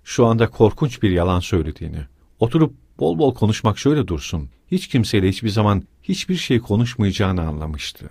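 A man narrating a novel in a measured storytelling way, voicing each figure. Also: on the low side, very animated, vocal fry, a little mellow, breathy edge, dry recording. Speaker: audiobook narrator. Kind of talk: literary narration.

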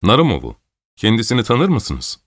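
A man's voice: fairly low pitch, wildly swooping pitch, normal speed, dry recording, studio quality, pitched above the performer's own voice. A man voicing a polite, teasing young nobleman in an audiobook. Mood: bantering.

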